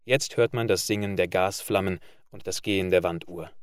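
A man narrating a literary story in a measured reading voice. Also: deep voice, no room sound, clean studio sound. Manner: measured reading, loud barked commands for characters.

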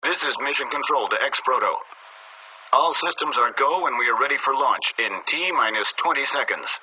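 A man doing a male mission control radio operator, sci-fi communicator transmission, lively up-and-down pitch, formal countdown delivery. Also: moderate pace. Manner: clipped, formal launch countdown calls. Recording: faint hiss, distant radio transmission.

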